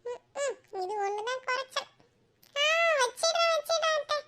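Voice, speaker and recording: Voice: very high voice, unhurried, sharp tone, full character voice. A voice actor playing a cartoon schoolboy who frets about his exam results, with worried muttering asides. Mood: glum. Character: anxious schoolboy fretting over exam results. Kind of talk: cartoon voice acting.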